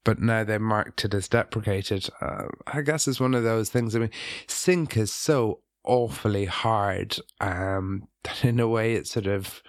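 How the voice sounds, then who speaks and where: A man's voice: on the low side, unhurried, no room sound, clean studio sound. A man co-hosting a casual tech podcast about app development, talking in a hesitant way with many ums and restarts.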